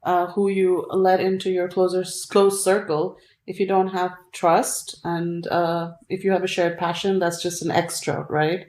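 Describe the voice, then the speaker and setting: A woman's voice: lowish voice, flat delivery, a little slow, echoey room. A woman who grew up in India, a workshop facilitator, chatting casually and joking about herself with frequent laughter. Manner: warm, self-mocking, laughs often. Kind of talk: casual chat.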